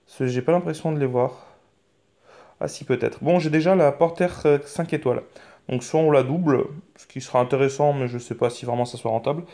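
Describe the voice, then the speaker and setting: A man's voice: medium pitch, brisk, warm tone. A man hosting a mobile game channel, talking through his game in casual commentary, rambling and hesitant, with many fillers, restarts and mild swearing. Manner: mild swearing, frank and offhand.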